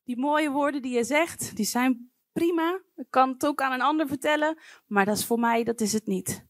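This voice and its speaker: A woman's voice: high voice, normal speed, dry recording, clean studio sound. A woman preaching a sermon to her congregation, earnest and pleading, speaking directly to her listeners.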